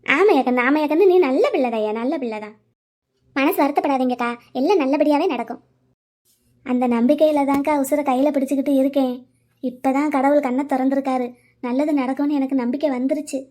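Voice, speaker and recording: A loving old cartoon grandmother with a fairly high voice, played by a woman. She talks in a soothing, motherly way. Her worries for her family come through in a gentle, fussing tone. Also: brisk, close to an everyday voice. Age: older. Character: older grandmother, tender and anxious about her son.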